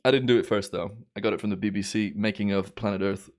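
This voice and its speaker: Laid-back and talkative, this thirty-something host from Belgium commentates a timelapse live stream, stretching out his enthusiastic exclamations. He speaks on the low side with fairly even intonation, and his Belgian accent shows American and Australian English shading.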